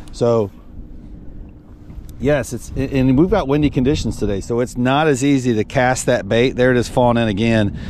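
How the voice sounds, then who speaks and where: A fishing guide and host with a darkish, mid-range voice addresses viewers casually and folksily from a small boat on a windy, open lake. His body-worn action camera picks up slight background noise.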